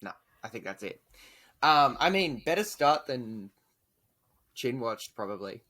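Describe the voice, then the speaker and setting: A man's voice: mid-range voice, sing-song, measured pace, pushed and bright. A young man co-hosting a casual podcast, teasing his friend and rambling as he talks. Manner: teasing, rambling with fillers and restarts. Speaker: podcast co-host.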